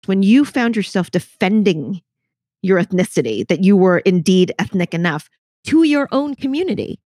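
A woman's voice: medium pitch, big pitch swings, moderate pace, warm tone, no echo, studio quality. A woman hosting an interview, asking probing questions in a conversational, engaged way. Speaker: podcast host.

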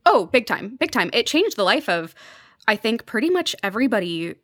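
A young adult woman, a journalist who covers fiction podcasts, appears as a podcast guest and explains things enthusiastically in conversational interview commentary. Her voice is on the high side, sing-song and fairly bright, at normal speed, recorded at studio quality with no room sound.

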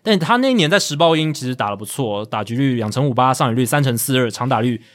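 Brisk Taiwanese man hosting, walks through numbers in casual chat. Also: mid-range voice, lively intonation, fairly bright tone. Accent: Taiwanese Mandarin. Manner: reads out stats, explains, with asides. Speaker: podcast host.

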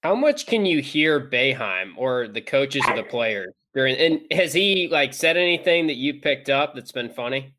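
A man's voice: medium pitch, expressive, moderate pace, few pauses, sharp tone. A man hosting a sports podcast, steering the talk with loose, friendly questions. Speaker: podcast host. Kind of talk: casual podcast chat.

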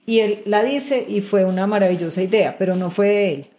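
A woman's voice: mid-range voice, a little fast, mellow. Middle-aged woman explaining steadily. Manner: explains patiently, often checks in with "¿ves?" and "¿sí?". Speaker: guest executive. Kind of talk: conversational interview.

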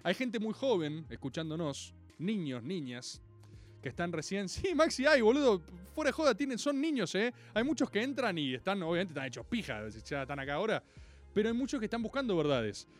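A man with a Rioplatense Argentine accent, talking casually to his live-stream chat in a teasing, profane way that turns to slow musing. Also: high voice, sing-song, faint music behind. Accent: Rioplatense Argentine Spanish.

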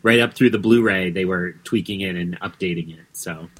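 A man chatting on a podcast as a guest, excitable, with many restarts and fillers. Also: deep voice, a little fast. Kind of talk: casual podcast chat.

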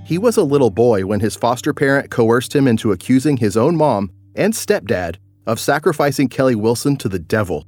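A man narrating as host of a documentary podcast in a measured storytelling manner. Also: mid-range voice, animated, darkish tone, faint music behind. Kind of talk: scripted narration.

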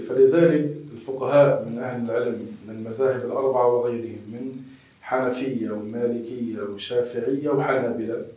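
A man with a Levantine Arabic accent, a religious scholar giving measured, emphatic answers to questions. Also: medium pitch, a little mellow. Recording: echoey room, distant mic.

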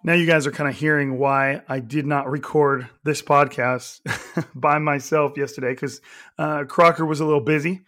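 A young man with a hoarse, croaky voice, still recovering from losing it, co-hosting a casual sports podcast and rambling between ad reads. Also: a little high, steady tone, normal speed, a bit bright. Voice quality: croaky, nasal. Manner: rambling, self-interrupting. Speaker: podcast co-host. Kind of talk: casual sports podcast chat, reading ads.

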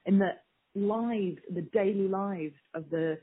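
Speaking slowly in a husky, mid-range voice, a strategy executive answers interview questions earnestly and with emphasis. The audio is muffled and lo-fi, much like a poor phone line.

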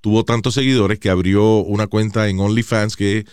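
A man hosting a podcast in a casual, animated way, swearing freely and switching between Spanish and English. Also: fairly low pitch, a little fast, clean tone, no room sound, clean studio sound. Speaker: podcast host. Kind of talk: casual chat.

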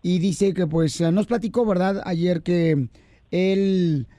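Presentador de radio bromista, voz seca. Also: male voice, high voice, slow pace, dark tone, dry recording, clean studio sound. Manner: flirty, joking with guests. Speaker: radio show host. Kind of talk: radio morning show banter. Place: radio studio.

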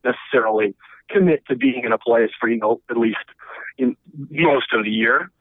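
A man's voice: mid-range voice, no room sound. A man from Chicago calling into a podcast over a phone line, talking casually and stumbling over repeated words. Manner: halting, repeats words while searching for them. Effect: heard over a phone line. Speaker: caller. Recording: dry, tinny phone line.

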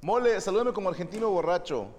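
A man's voice: high-pitched, animated, fast talker. A man, co-hosting a podcast, teasing and reading out listener greetings in casual banter. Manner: teasing, reads listener shout-outs. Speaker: podcast co-host. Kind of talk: joking casual chat. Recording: reverberant room.

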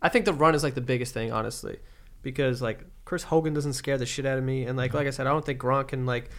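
A man's voice: medium pitch, steady tone, fast talker, a bit bright. A young man with a slangy, profane frat-bro way of talking, bantering casually as a sports podcast host.

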